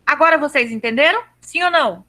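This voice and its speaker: Woman teacher on a video call, high bright voice, patient, keeps checking everyone got it, stretches out the verb endings. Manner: patient, repeats and checks students understood; slows down to stress verb endings. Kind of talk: live online grammar lesson.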